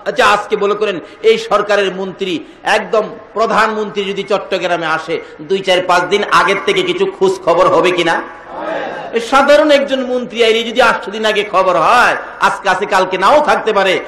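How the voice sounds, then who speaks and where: High, bright-voiced preacher in an echoey hall. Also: male voice, steady tone, brisk. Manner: sing-song, swinging between loud calls and hushed lines. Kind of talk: Bengali waz sermon. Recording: echoey hall over loudspeakers.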